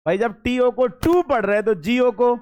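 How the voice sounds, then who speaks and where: A man's voice: very high voice, a little slow, darkish tone, clear, resonant tone. A young man, teaching a classroom lecture, chatty, talking straight to his students and repeating key words. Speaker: Hindi teacher.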